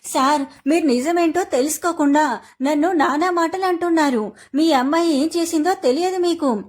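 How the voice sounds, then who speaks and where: A woman's voice: high voice, moderate pace, lightly acted. A woman voicing a worried young husband who has lost his job, speaking earnestly. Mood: sad. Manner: earnest, pleading.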